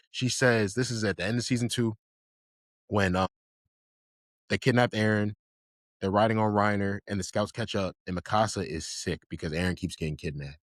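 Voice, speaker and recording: A man's voice: on the low side, dry recording, clean studio sound. A man co-hosting a casual podcast chat, rambling with lots of fillers and enthusiasm. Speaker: podcast co-host. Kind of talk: casual chat about anime.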